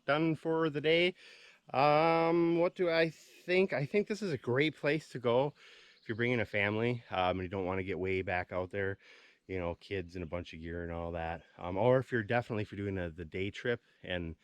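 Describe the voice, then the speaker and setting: A man walks through a lakeside campsite and talks to his camera in a loose, easygoing way. He hesitates with plenty of ums. His voice sits at an ordinary middle pitch. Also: normal speed, dry recording. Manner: relaxed, chatty, frequent ums. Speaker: vlogger touring campsites. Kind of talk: casual outdoor vlog commentary. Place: outdoors at a lake campsite.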